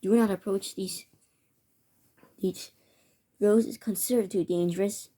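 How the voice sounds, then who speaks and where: Reading a homemade emergency alert as amateur mock broadcast narration, a woman stumbles over her words and restarts again and again. Her voice is mid-range and steady, with a dark tone.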